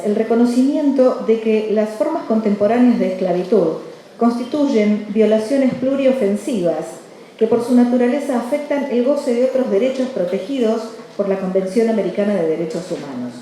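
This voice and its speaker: Mellow-voiced woman announcing in a very echoey hall. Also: on the high side. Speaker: ceremony presenter. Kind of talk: formal scripted announcement. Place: large echoey room at a ceremony. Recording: very echoey hall, faint noise.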